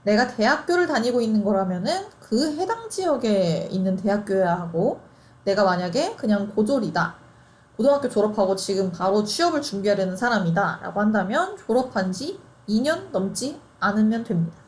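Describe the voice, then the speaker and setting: A woman's voice: medium pitch, animated, brisk, a little mellow. A young woman in her twenties chatting through an explainer, laughing often and asking rhetorical questions. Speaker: host explaining housing programs. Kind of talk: casual explainer.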